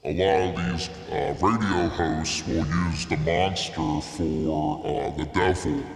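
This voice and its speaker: Male voice run through a monster filter, very low and gravelly, long echo, slow and casual. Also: animated. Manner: explanatory, casual. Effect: deep monster voice changer with echo. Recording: echoey reverb from voice effect.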